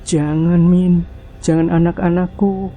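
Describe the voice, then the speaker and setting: A man voicing a terrified mother in a horror story, pleading for her children in a trembling, halting voice. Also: high-pitched, flat delivery, narrow, tinny audio, soft background music, voice pushed up.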